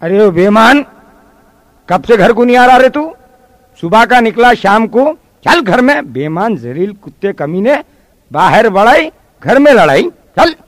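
A man's voice: very animated, moderate pace, hardly any pauses, warm tone, no room sound. A male comedian voicing an angry old rickshaw-puller father scolding his son. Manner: scolding, shrill.

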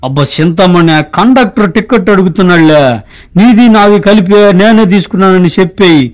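A man's voice: high-pitched, brisk, natural voice. A man playing a patient companion who coaxes and placates the woman beside him. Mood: placating. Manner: coaxing, placating.

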